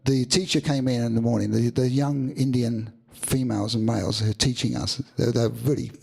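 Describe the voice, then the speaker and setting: Male musician guest, gravelly and a bit husky, rambling and reflective, speaking in a live studio session. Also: mid-range voice, steady tone, a little mellow. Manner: halting, many restarts and fillers. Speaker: musician guest being interviewed. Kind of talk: reflective storytelling answer.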